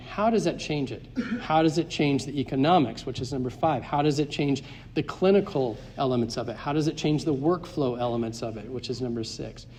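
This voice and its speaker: A man's voice: mid-range voice, a little mellow, slight background noise. A man giving a structured conference presentation as a consultant, stressing key points and walking through numbered questions. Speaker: market access consultant. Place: conference hall. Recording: live talk in a hall.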